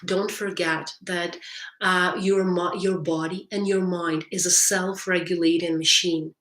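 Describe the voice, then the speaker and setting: A woman's voice: lowish voice, flat delivery, unhurried, fairly bright tone, echoey room. A woman hypnotherapist talking on a live stream and answering viewers' chat, who often ends sentences with "right?" and restarts her phrases.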